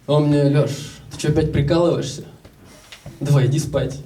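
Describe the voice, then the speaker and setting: Young Russian stand-up comedian, distant stage mic. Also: male voice, on the high side, steady tone, normal speed, noisy background. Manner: casual storytelling, acts out voices of others. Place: live comedy show with audience.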